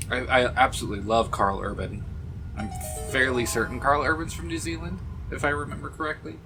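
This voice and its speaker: Swearing man chatting over game music. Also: lowish voice. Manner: swears freely, chats with viewers. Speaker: game streamer. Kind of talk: casual live-stream chat while playing.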